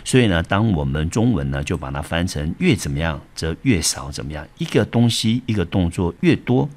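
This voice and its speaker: A man's voice: low-pitched, sing-song, brisk, a little mellow. A man teaching English vocabulary in Mandarin with a Taiwanese accent, explaining step by step with frequent fillers. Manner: explanatory, repeats words, frequent "好" and "呢". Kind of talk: vocabulary lesson.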